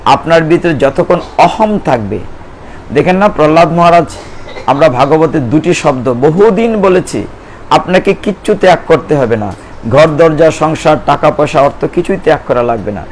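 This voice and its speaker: Male preacher, a touch high-pitched, earnest sermon style, faint background hiss. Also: lively intonation, normal speed, low-quality recording. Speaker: Gita preacher. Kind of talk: devotional sermon with chanting.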